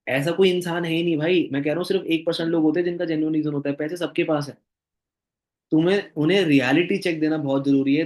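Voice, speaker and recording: A man's voice: a little high, darkish tone. Emphatic young man training sales recruits. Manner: acts out both sides of dialogues, addresses viewers as "bhai"; emphatic, repeats phrases for stress. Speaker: network marketing trainer. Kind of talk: casual motivational training talk.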